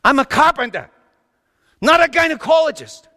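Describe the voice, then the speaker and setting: A man's voice: very high voice, very animated, moderate pace, heavily acted. A man as theatrical Joseph, swooping wildly. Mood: exasperated, panicked. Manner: theatrical, swinging between hushed asides and shouted exclamations. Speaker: storyteller preaching in character. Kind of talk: comic dramatic monologue to a congregation. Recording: reverberant hall.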